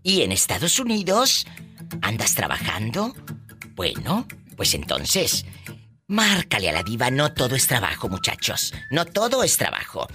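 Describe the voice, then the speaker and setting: A man hosting a radio call-in show, teasing callers with flamboyant, quick jokes. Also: medium pitch, huge pitch swings, over music. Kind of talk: playful radio call-in banter.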